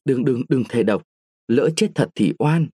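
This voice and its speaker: A man's voice: mid-range voice, animated, measured pace, dark tone, breathy edge, no echo, clean studio sound, voice pushed up. A man reading a story, voicing an evasive young man who coaxes and soothes his lover. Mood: coaxing. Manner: soothing, coaxing.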